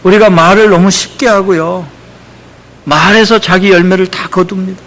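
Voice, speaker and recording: A male pastor delivers an emphatic, conversational sermon and slips in acted quotes. His voice sits high for a man. A long reverb from the church hall follows each line. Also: fairly even intonation, moderate pace, fairly bright tone. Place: church sanctuary.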